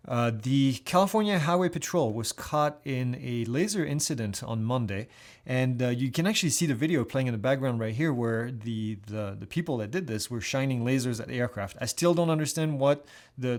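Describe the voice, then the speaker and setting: A man's voice: medium pitch, a little mellow. A man hosting a weekly aviation news update, talking in a casual, conversational way with many fillers and restarts.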